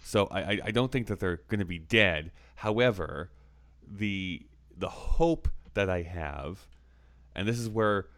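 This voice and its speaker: A man with a very low, smooth and resonant voice, chatting casually about a movie. He talks earnestly and works through his thoughts, peppering them with "like." The tone stays conversational throughout. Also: unhurried, a bit bright. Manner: earnest, analytical, with many "like" fillers. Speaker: podcast co-host.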